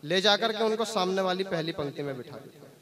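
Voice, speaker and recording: A man's voice: sits high, quick pace. A young man performing comic poetry patter on stage, chatty and teasing, forever assuring the crowd he is telling the truth, through a stage microphone at a live gathering. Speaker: stand-up poet. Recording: lively crowd reacting behind.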